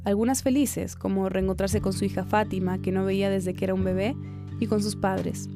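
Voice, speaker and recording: A woman reporter giving calm, measured, scripted narration of a true story. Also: mid-range voice, over music.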